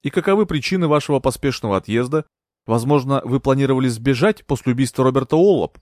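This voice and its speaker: A stern, commanding judge, voiced by a male narrator, measured and formal in his questions. The voice sits dry and close to the mic. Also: mid-range voice, expressive, darkish tone, dry recording, natural voice.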